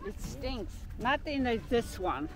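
A woman's voice: on the high side, lively intonation, unhurried, low-quality recording. An older woman on a family outing at a lake, chatting playfully in a sing-song way with little grandchildren. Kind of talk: casual family chat. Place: outdoors at a lakeshore. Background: background music.

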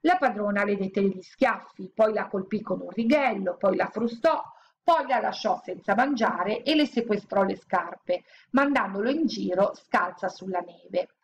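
A woman reading a children's story aloud as an audiobook, narrating in a steady, expressive way. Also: mid-range voice, measured pace, dull audio, a little hiss or hum. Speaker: audiobook reader.

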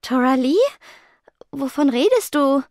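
A woman voicing a shy, nervous teenage ghost girl who speaks softly and stammers. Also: high voice, lively intonation, unhurried, dry recording, clean studio sound, voice pushed up. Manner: soft, stammering, timid.

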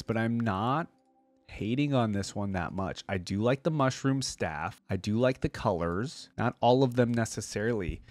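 A reaction video creator, roughly in his thirties, offers relaxed, chatty commentary and informal musings into a close desk microphone paired with a headset. His pitch is fairly low, and there's no room sound at all.

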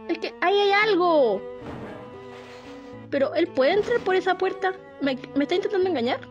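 Brief: high, lively female gamer voice, jumpy and shrieky on a horror playthrough, music under it. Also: moderate pace, dull audio. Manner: easily frightened, shrieks and laughs nervously. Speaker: gamer playing a horror game. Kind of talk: casual gameplay commentary.

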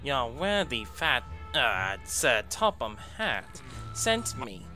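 Man doing a slimy oily diesel engine, slow purring sneer, music behind. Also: medium pitch, sing-song. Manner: smug, sneering, drawn-out. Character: sly, rude male diesel engine, a bully.

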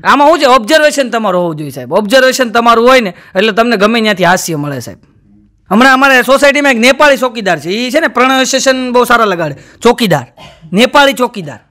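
Bright high-voiced Gujarati comedian. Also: male voice, expressive, fast talker. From Gujarat, India. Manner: chatty, keeps addressing the audience as "sir". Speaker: stand-up comedian. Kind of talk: stand-up joke telling.

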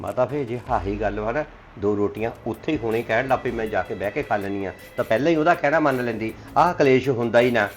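A man's voice: mid-range voice, fast, soft background music, close to an everyday voice. A man playing a Punjabi son lecturing his mother. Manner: lecturing, warning. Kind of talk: family drama acting.

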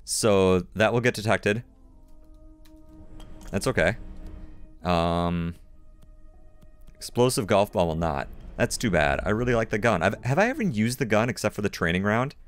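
A man talks through his gameplay in a lowish voice that bounces up and down a lot, chatty and self-mocking as he goes. Faint game music sits underneath his commentary. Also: expressive, measured pace, long pauses. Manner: chatty, self-mocking asides while playing. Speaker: gaming video host. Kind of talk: let's play commentary.

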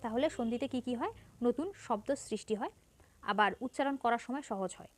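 A woman's voice: a little high, expressive, normal speed. A woman teaching a grammar lesson to students, patiently explaining each point and repeating it.

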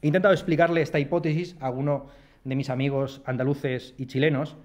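A man's voice: mid-range voice, fairly even intonation, fast talker, darkish tone. A man from Madrid with a Madrid Spanish accent, a philosopher reading a prepared lecture in a lecture hall, with wry, self-deprecating asides. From Madrid, Spain. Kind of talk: read-aloud lecture. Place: lecture hall at a university residence.

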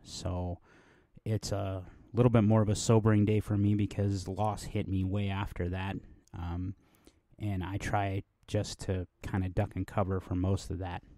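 A middle-aged man from New Mexico hosts his podcast in a loose, rambling monologue, full of ums and restarts. His voice sits low and mellow, and the recording is close and dry. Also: flat delivery, measured pace, dry recording. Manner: rambling, conversational, with many fillers and restarts. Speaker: podcast host.

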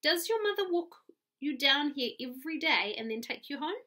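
A woman with a New Zealand accent voicing a kindly, reserved librarian in a read-aloud story, measured and gently concerned. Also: high-pitched, expressive, voice pushed up.

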